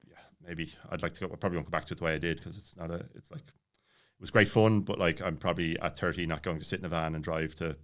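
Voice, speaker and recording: Deep and steady, this late-thirties man's voice moves at a quick pace. He is a podcast guest casually recounting personal stories, rambling with plenty of false starts.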